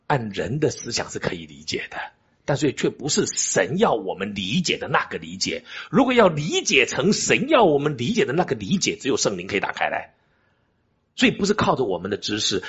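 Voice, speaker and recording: A man's voice: mid-range voice, slightly rough. An older man preaching a sermon as pastor, emphatic and asking the congregation rhetorical questions. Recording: dull lo-fi recording.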